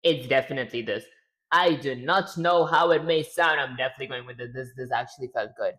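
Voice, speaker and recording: Working on a game during a live stream, a man keeps up a relaxed running chatter to himself, a little fast and at a medium pitch. He's lightheaded and his throat sounds strained, all captured on a rough recording.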